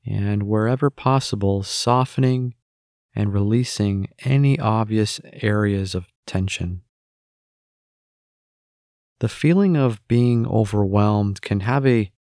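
In a clean studio recording without echo, a man with a fairly low voice guides a meditation, his instructions gentle and unhurried and separated by long pauses.

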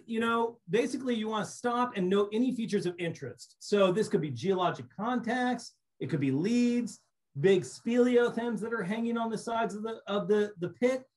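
A middle-aged man giving a relaxed recorded slideshow lecture on cave surveying over a webcam, explaining casually with frequent restarts. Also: sits high. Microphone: webcam on a video call.

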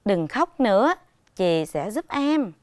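A woman teacher voicing a kind, caring big-sister swallow in a storybook reading, gentle and tender. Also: medium pitch, very animated, takes it slowly, dry recording, clean studio sound.

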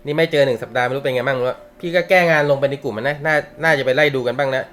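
Rapid-fire and a bit bright, a medium-pitched male voice carries over soft background music. It belongs to a young man teaching a manga class in a casual live setting, joking, chatting, laughing often, and using slang and swears.

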